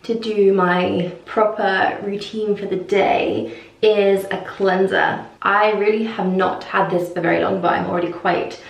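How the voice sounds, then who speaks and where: A woman's voice: medium pitch, fairly even intonation, a little slow, gravelly. A woman vlogger talking casually to camera in an echoing bathroom, chatty and informal with little self-deprecating asides. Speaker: beauty vlogger. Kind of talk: casual chat to camera, morning routine walkthrough. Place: small indoor bathroom. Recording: echoey tiled bathroom.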